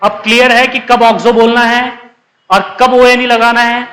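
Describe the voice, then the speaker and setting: A man's voice: extremely high pitch, little pitch movement, unhurried, a bit bright, in a large hall, low-quality recording. A male chemistry teacher giving a live class lecture, coaxing his students and checking again and again whether they understood. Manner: calls students 'beta', coaxing.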